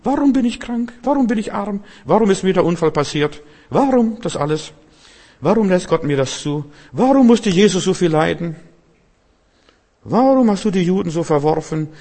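A man voicing a whining believer who pleads in a high, plaintive voice, with a long hall reverb. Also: expressive, moderate pace, warm tone. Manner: high-pitched, plaintive questioning. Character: whiny complaining believer, any adult.

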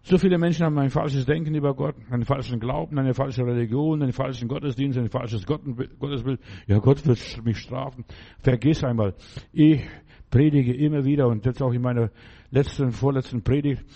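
Through a dull lo-fi recording comes a male preacher's sermon: he repeats affirmations and keeps checking understanding by asking "verstehst du." He speaks briskly in a warm, mid-range voice.

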